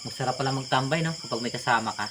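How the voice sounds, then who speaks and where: A man's voice: medium pitch, racing, background noise, lightly acted. A man playing a lonely, friendly cousin who chats casually and teases. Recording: outdoors at night with crickets and insects.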